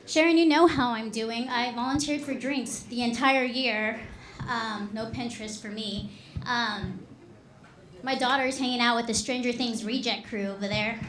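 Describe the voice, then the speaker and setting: High-voiced woman doing stand-up. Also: fairly even intonation, measured pace, fairly bright tone, slight background noise. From Texas. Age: 30s. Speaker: stand-up comedian. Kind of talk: stand-up comedy set. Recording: echoey live room.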